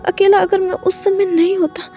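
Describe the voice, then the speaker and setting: A woman's voice: very high voice, flat delivery, normal speed, dark tone, soft background music, pitched above the performer's own voice. A woman voicing an angry, lovesick young man who pleads over and over in a storybook tale. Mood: pleading. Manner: pleading, repetitive, breathless outbursts.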